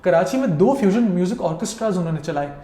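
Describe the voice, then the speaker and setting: A man's voice: high voice, lively intonation, fast, dark tone. A man, a guest critic giving long, detailed explanations and slipping into English mid-sentence. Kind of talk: conversational explanation. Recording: roomy echo.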